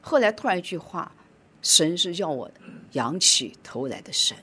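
A middle-aged woman preaching a sermon and telling a personal story, swinging between loud urging and quiet telling. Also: lowish voice, sing-song, moderate pace, breathy edge.

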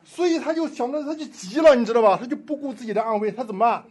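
A man preaching a sermon, telling a story with impassioned swings between loud pleading and hushed asides. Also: extremely high pitch, racing, breathy edge.

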